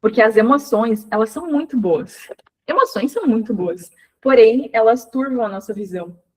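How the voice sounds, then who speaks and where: Lively woman giving a devotional talk. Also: a little high, normal speed, rough recording. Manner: animated, acts out voices and sounds to illustrate points; speaks directly to listeners, calling them by name. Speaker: speaker at a women's devotional program.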